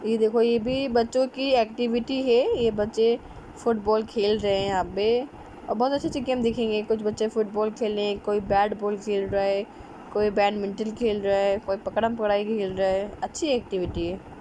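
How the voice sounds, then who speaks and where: A woman's voice: medium pitch, flat delivery, normal speed, dark tone, a little hiss or hum, rough recording. A mother chatting straight to viewers as she films her children on an outing in an outdoor park, recorded on a handheld phone. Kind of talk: casual vlog narration.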